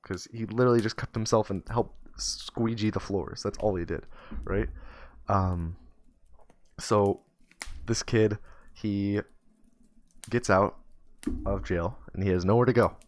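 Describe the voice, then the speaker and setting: Low-voiced man telling a rambling tale. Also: fairly even intonation, unhurried, pauses often. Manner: loose, profane, rambling with fillers. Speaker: streamer. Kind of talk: casual comic storytelling.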